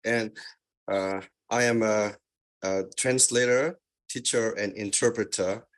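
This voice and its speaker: A man from Myanmar whose first language is Karen speaks slowly and hesitantly as a guest speaker in a webinar presentation, his voice on the low side and steady. He relies on many fillers and restarts, and he is heard through a video call microphone.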